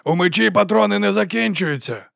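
A man voicing a battered young male hero who shouts defiantly. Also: sits high, brisk, gravelly, no room sound, clean studio sound, voice pushed up, exaggerated voice.

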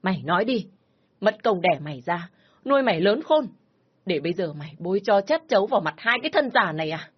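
A woman voicing a stern, domineering older father who shouts and scolds harshly, in a spoken story. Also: medium pitch, very animated, a little fast, breathy edge, lo-fi sound. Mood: furious shouting.

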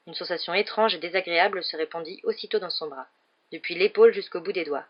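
A woman reads an audiobook chapter aloud in a steady, expressive storytelling manner. Her voice sits somewhat low, and the recording sounds dull and lo-fi. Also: fast talker. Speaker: audiobook narrator. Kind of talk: scripted audiobook narration.

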